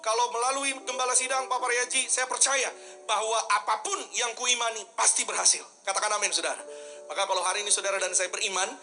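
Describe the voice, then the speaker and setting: A man's voice: high voice, fast talker, soft background music. A male pastor telling a story in a sermon, acting out the people in it and turning to the congregation again and again. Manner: animated storytelling, acts out dialogue, addresses the congregation often.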